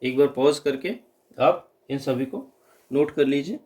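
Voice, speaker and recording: A man's voice: medium pitch, a little slow, darkish tone. A man giving an exam-prep grammar lesson, patiently repeating wrong and correct word forms. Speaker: teacher.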